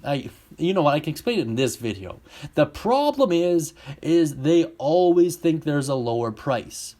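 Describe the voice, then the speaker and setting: Guy teaching car sales, kinda high voice, punchy and blunt, talks to camera. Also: big pitch swings, normal speed, mellow. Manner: emphatic, blunt, coaching tone. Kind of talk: instructional talk to camera.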